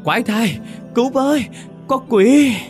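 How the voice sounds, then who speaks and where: A man's voice: extremely high pitch, lively intonation, measured pace, soft background music, voice pushed up. A man voicing a terrified young village boy screaming for help. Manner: screaming in terror.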